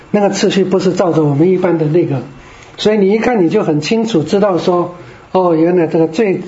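Patiently going step by step, a man lectures a class in Greek with a mellow voice that sits high. The audio is a roomy, dull lo-fi classroom recording.

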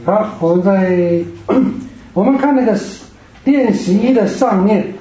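A man teaching a classroom language lesson, slowly modeling each word for his students to repeat. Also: sits high, warm tone, a little hiss or hum. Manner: slow, patient, models pronunciation for repetition. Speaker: Greek teacher. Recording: roomy, dull lo-fi classroom audio.

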